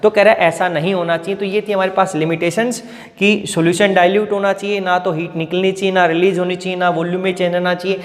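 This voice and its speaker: A man with a rather high-pitched voice teaches chemistry, mixing Hindi explanation with English technical terms. He slows right down to dictate phrases word by word, like a teacher giving notes. His voice rings out with a long reverb in the room. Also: level tone. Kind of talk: classroom lecture, dictating notes.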